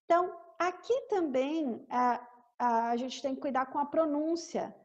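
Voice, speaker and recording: Woman, English teacher, native Portuguese speaker, slow careful explaining, repeats phrases, high-pitched. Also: lo-fi sound. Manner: explains slowly, repeats English words and lyrics for practice. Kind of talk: song-based English lesson.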